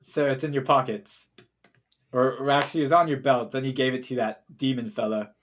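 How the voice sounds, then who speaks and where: A man's voice: medium pitch, steady tone, fairly quick, natural voice. A man voicing a deferential, meddling butler who addresses his master as sir, in a tabletop role-play game. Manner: deferential, calls everyone sir. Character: polite, meddling male butler servant.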